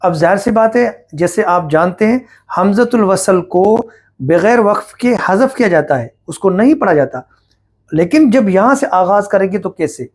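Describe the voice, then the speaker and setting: A man teaching Quran recitation rules, explaining patiently, asking and answering his own questions, and chanting verses slowly as examples. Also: high voice, animated.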